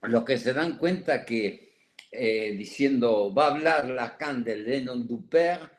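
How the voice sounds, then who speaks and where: A man's voice: medium pitch, slow. A man giving a psychoanalysis seminar lecture, digressive and full of "¿eh?" tag questions, with a cough and an itchy throat.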